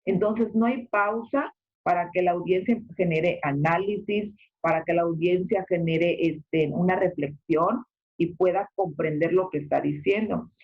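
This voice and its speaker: A secondary school teacher gives an online class lecture, explaining step by step and often filling pauses with "este" and checking in with "¿ok?". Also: mid-range voice, fairly even intonation, husky. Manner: explanatory, frequent filler "este" and check-ins like "¿ok?". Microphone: video call. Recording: muffled video-call audio.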